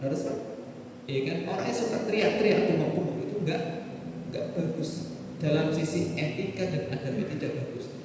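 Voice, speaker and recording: A man's voice: fairly high pitch, animated, moderate pace, noisy background. A man with a Javanese accent preaching a mosque sermon in a conversational way, often asking the audience questions. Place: mosque hall. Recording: echoey hall from far off.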